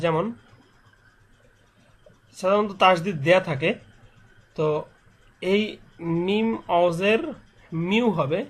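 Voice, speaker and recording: A man with a slightly raised voice teaches Quran recitation rules. He speaks patiently and repeats each letter and rule. When he demonstrates, he stretches the nasal sounds out slowly. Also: sits high. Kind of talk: step-by-step recitation lesson.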